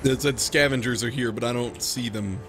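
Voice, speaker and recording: A man casually commenting on his own gameplay, excitable, laughing often and swearing freely. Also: medium pitch, moderate pace, over music. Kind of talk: casual let's play chat.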